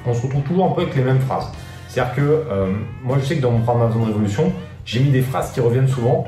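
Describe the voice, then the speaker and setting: A man with a warm, medium-pitched voice talks straight to the viewer, giving business advice as an online business coach. His delivery is slangy and informal, full of fillers, and he addresses the viewer as "tu." It's a casual direct-to-camera video recorded in an echoey room with faint guitar music.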